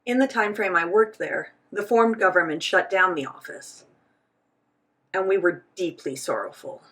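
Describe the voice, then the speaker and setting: In a lowish, slightly bright voice, a woman speaks for both sides of a signed interview. She interprets in the first person with a measured delivery.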